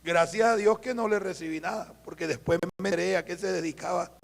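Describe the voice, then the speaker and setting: A Colombian man preaching as a pastor, telling a story with acted-out dialogue and dropping to a hush for quoted voices. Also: high voice, steady tone, a little fast, gravelly. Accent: Colombian Spanish. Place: church. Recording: live church recording, long hall reverb.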